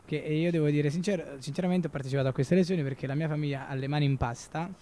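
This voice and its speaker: A man's voice: on the high side, racing, mellow, a little hiss or hum. Man with an electronically altered voice. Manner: chuckling, rambling. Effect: electronically altered voice to hide identity. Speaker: guest. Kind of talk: casual comic chat.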